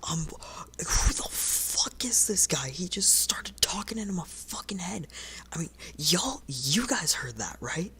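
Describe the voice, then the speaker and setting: A game master voicing a panicked male adventurer who whispers his curses in a hushed, breathy voice. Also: mid-range voice, big pitch swings, a little slow, pitched above the performer's own voice, full character voice. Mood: freaked out.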